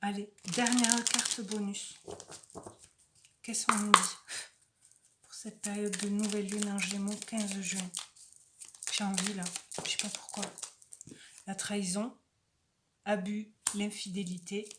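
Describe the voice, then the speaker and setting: A woman reads oracle cards aloud in a soft, casual voice and stops for chatty asides to her viewers. She speaks slowly and without hurry. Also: medium pitch, little pitch movement, very noisy. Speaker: oracle card reader. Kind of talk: casual oracle card reading.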